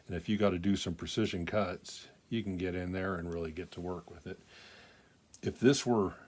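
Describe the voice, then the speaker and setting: Older man with a low voice. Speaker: knife collector presenting his pocketknives. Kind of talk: casual product show-and-tell.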